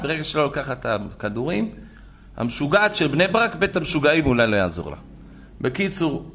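Middle-aged guy preaching a story, gravelly voice, lively, acts out everyone. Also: mid-range voice. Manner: animated storyteller, addresses listeners as "gentlemen", acts out quotes. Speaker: religious lecturer. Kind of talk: storytelling sermon to an audience.

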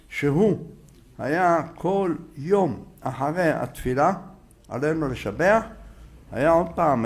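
A man teaching a religious lesson, sounding out letters and repeating words for emphasis. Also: a little high. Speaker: rabbi teaching a Torah lesson.

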